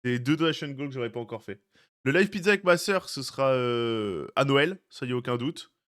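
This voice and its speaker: A man's voice: mid-range voice, expressive, a little fast, a bit bright. A young man streaming live, chatting casually with his viewers, greeting them by name and teasing them. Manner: chatty, greets chat by name, jokey asides.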